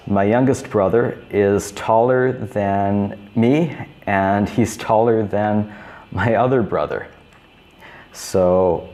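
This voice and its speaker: A man in his thirties teaching beginner English, repeating each simple phrase slowly and clearly. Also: on the low side, a little mellow. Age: 30s. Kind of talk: slow, repetitive teaching for beginners.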